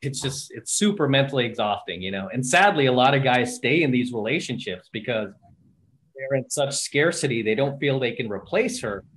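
A man speaks as a guest on a video call at an ordinary pitch. His sentences run loose and are full of fillers. His volume keeps sinking and surging as his connection cuts out. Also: lively intonation, normal speed, a bit bright, rough recording. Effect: dropping, uneven volume from a patchy internet connection. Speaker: podcast guest. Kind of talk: casual interview over a video call.

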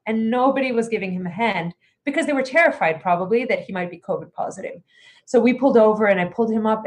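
A woman who grew up in Greece, answering interview questions earnestly as a congressional candidate, with many fillers and restarts. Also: medium pitch.

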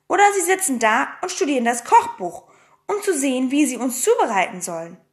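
Brief: hoarse cheeky girl adventurer for a storybook, read by a woman, high, bouncy, playful. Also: sing-song, fairly quick. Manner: boastful, playful. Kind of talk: audiobook reading.

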